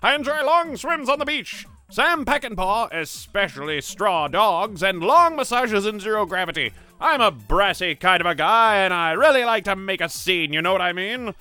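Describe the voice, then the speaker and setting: A man's voice: sits high, animated, normal speed, hardly any pauses, sharp tone, smooth, faint music behind. A man playing a vain, brassy space hero in a comedy radio play, speaking in grand, declamatory boasts. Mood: grandiose.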